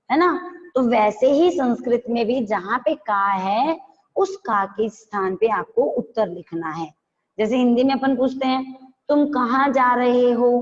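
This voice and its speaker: Woman teacher, dull echoey audio. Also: on the high side. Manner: patient, explains step by step and asks questions back. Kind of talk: online class lesson.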